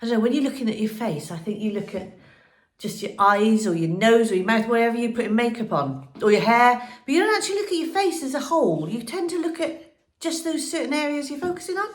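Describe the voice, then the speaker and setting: Speaking fast with a fairly high, lively voice, a woman with a cold sounds nasal and blocked up as she rambles through a home how-to vlog, full of ums. She's indoors by the fireplace of an old house, and the sound is reverberant.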